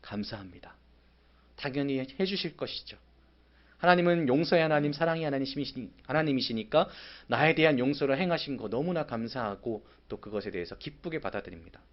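A man preaching a sermon as pastor, acting out a prophet's angry, sarcastic complaints in sudden loud bursts. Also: mid-range voice, expressive, a little fast, muffled recording. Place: church sanctuary.

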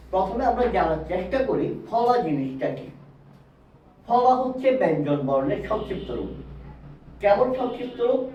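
A man with a high voice teaches a grammar rule at a board, spelling out letters one by one and repeating each point slowly. He sounds set back from the mic in an echoing room, and the sound is dull. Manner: addresses viewers directly, self-correcting. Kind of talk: whiteboard grammar lesson. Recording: roomy, distant, dull sound.

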